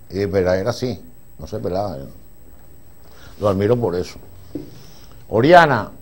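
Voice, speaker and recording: An older man with a Venezuelan accent tells stories from film sets at a master class. His pitch sits in an ordinary middle range. He rambles and restarts, then gets animated as he retells the scenes. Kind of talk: anecdotal storytelling to an audience.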